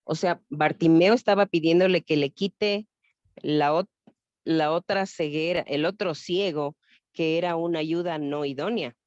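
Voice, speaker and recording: A woman in a Bible study on a video call, explaining her point with some halting. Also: deep voice, a little mellow, no echo. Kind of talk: class discussion. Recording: dull, dry video call audio.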